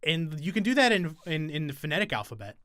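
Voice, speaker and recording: A man's voice: fairly high pitch, big pitch swings, quick pace, sharp tone, no echo, studio quality. A young man hosting a podcast in casual chat, rambling and swearing freely with many fillers and restarts. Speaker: podcast host.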